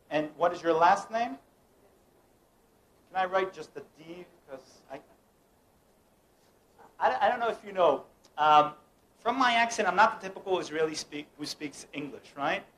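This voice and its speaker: At a home gathering, a young American mentalist performs a playful mind-reading act, teasing and directing the people around him. His high-pitched voice is lively and a bit bright, a little slow with frequent pauses, and the recording is low quality.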